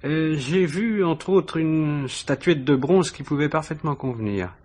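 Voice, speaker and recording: Playing a police inspector in a 1950s-flavored French radio mystery, a male actor sounds measured and accusing. His pitch is fairly high, his delivery a little slow and a little mellow, and his ironic, probing questions come out hesitant and insinuating behind a falsely casual, insistent manner.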